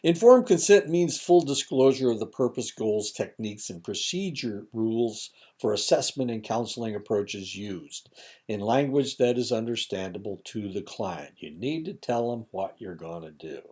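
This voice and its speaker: A man's voice: on the low side, animated, moderate pace, mellow. A man giving a recorded lecture, reading points aloud with casual asides and fillers, his throat a little dry.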